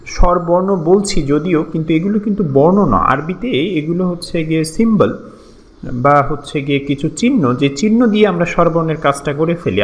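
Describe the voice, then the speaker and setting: A man's voice: on the high side, lo-fi sound. A man teaching a lesson, explaining step by step and patiently repeating syllables for practice.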